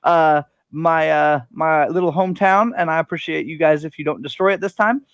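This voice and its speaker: Male game master, slightly high voice, filler-heavy narration. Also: normal speed, clear, resonant tone, no echo. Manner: lots of uh fillers, laughing. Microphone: headset over voice chat.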